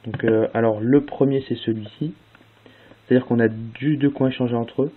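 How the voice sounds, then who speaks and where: With a slightly rough, mid-range voice that stays steady at a moderate pace, a young man hosts a speedcubing tutorial. He casually explains a solving method, going through move sequences step by step with fillers, on tinny phone-like audio with faint hiss.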